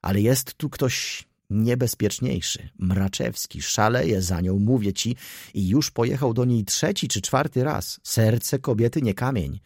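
A man voicing an aging, excitable old shop clerk who pleads fervently and climbs to high, excited peaks. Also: unhurried, no echo, studio quality. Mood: gossipy. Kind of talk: audiobook dialogue reading.

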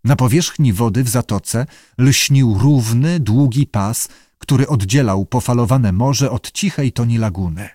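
A man narrating an audiobook in an expressive storytelling manner. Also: mid-range voice, unhurried, no room sound, studio quality. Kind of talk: scripted narration.

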